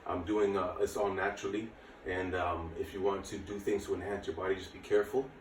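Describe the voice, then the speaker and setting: Here a fitness and martial arts instructor, late thirties, talks viewers through a relaxed workout. His deep voice barely shifts in pitch and moves at a fairly quick clip. Faint noise and echo come from the distant mic and room.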